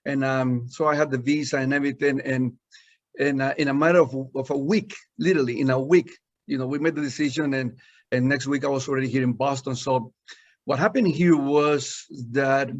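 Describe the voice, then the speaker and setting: A middle-pitched man tells his faith story in earnest, with many restarts and fillers. The audio is dull and lo-fi. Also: fairly even intonation, brisk. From Guatemala. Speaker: senior pastor, guest. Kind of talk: personal testimony in conversation.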